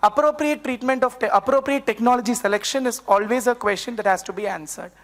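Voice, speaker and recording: A woman's voice: on the high side, fast talker, in a large hall. A young woman with an Indian accent presents at a conference, her voice affected by a sore, swollen throat. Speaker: PhD researcher presenting a paper.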